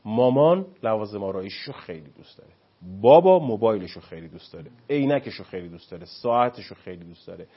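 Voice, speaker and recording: Male talk-show guest expert, husky, lively explaining style, muffled audio. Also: fairly low pitch. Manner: animated, acts out parents and children in quotes.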